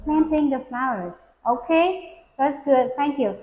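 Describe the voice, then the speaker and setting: Animated yet measured in pace, this woman's high voice is slightly mellow, with a little hiss or hum and an echoey room. She gives a young learner an English speaking test, patiently asking simple questions and modeling full sentences to be repeated.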